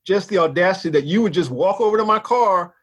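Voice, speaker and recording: A man co-hosting a casual chat, telling a story in an animated way, acting out the voices he quotes and swearing often. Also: quick pace, husky. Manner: animated, acts out quotes with big pitch jumps, swears often.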